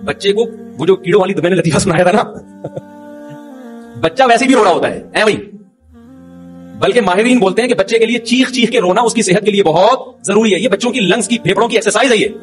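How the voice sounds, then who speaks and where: A middle-aged male cleric delivers an informal religious talk at a quick clip, his voice sitting high. He tells funny anecdotes and chuckles through them, with faint music underneath. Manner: humorous, anecdotal, chuckles while telling stories. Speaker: Islamic cleric giving a talk.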